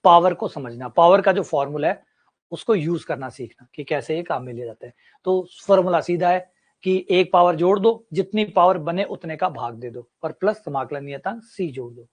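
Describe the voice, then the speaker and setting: A man gives a maths lecture, his voice sitting a little higher than most men's. He explains step by step with everyday examples and says key points twice. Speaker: maths teacher. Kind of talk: classroom lecture.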